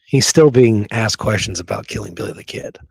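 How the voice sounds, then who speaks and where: A podcast co-host with a fairly low, expressive voice, brisk and a little mellow with a breathy edge, leads a casual history discussion that includes some reading aloud. He talks conversationally and forcefully, often tossing in "right?", with no echo.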